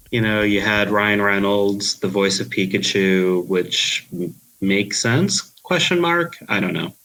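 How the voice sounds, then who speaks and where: A man from Queens, New York, with a Queens accent, chatting on a podcast in a sleepy, deadpan monotone. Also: on the low side, slow pace, pauses often, a little hiss or hum, rough recording. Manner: deadpan, dry. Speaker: podcast co-host. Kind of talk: casual podcast chat.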